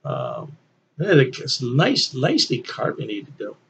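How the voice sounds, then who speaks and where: An older man reviews a beer in a casual, folksy solo video from his home desk, sometimes chuckling to himself. His mid-range voice swings hugely in pitch, moves slowly, and has vocal fry with a breathy edge. He records on a desk webcam in an indoor home office with beer memorabilia.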